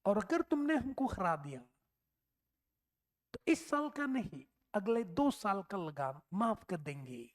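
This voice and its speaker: A man's voice: high voice, heavily acted. A man voicing an arrogant British officer who speaks Hindi with a British accent.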